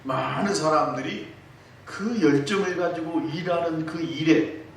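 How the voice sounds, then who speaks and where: A male pastor preaching a sermon in a church, telling stories in a lively way. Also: a little high, unhurried, vocal fry. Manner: storytelling, lively. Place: church sanctuary. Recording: echoey hall, distant mic, faint noise.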